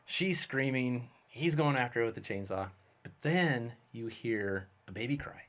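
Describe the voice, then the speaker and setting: A man, a guest filmmaker, telling a story in casual, animated conversation. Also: mid-range voice, moderate pace. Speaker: guest, special effects artist and filmmaker.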